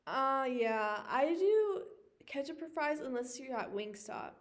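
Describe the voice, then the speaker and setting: A woman's voice: sits high, lively intonation, a little slow. A young woman co-hosting a podcast, chatting casually in an easygoing, slightly hesitant way, often correcting herself. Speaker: podcast co-host. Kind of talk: casual chat.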